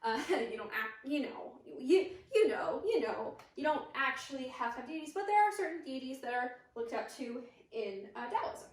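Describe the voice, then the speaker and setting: A woman's voice: high-pitched, animated, normal speed, few pauses. A young woman with a Midwestern accent giving a casual class presentation, chatty and hesitant, with many fillers and self-deprecating asides. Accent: Midwestern American. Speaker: student presenter. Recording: echoey room, mic far off.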